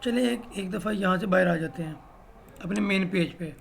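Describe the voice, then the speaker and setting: A man with a fairly high, gravelly voice walks through a software tutorial one click at a time. He explains each step plainly in a teacherly way, tossing in "भाई" as he goes. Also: normal speed, a little hiss or hum. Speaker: web design instructor. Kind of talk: screen-recorded software tutorial.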